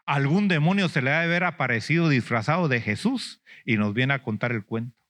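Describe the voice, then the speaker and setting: A man's voice: mid-range voice, expressive, fairly quick, a bit bright. A man preaching a sermon as an apostle, questioning the congregation, prompting them with "mm?" and "ujú", and acting out lamenting believers in a whiny voice.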